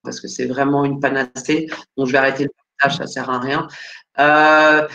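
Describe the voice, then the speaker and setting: A woman's voice: extremely low pitch, flat delivery, normal speed, pushed and bright. A woman career coach answering questions live on a video call, hesitant and full of fillers while searching her files.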